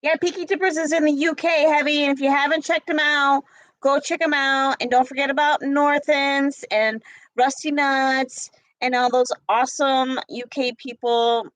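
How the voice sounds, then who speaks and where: A woman's voice: sits high, little pitch movement, moderate pace, a bit bright, dry recording, low-quality recording. A woman co-hosting a casual livestream, friendly and laughing often as she greets viewers by name. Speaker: livestream co-host.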